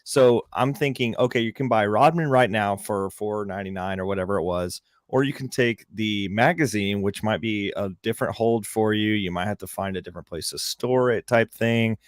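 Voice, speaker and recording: A man with a lowish voice talks through his reasoning on a podcast panel. He is casual, colloquial and rambling, and the sound is dry and close. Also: moderate pace, hardly any pauses, no room sound. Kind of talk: casual explanation.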